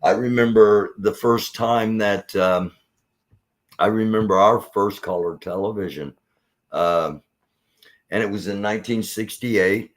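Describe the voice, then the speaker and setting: Older Indiana man, 60s, low voice, folksy rambling host. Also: a little slow. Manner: rambling, folksy, with restarts and laughs. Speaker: podcast host. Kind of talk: casual reminiscing chat.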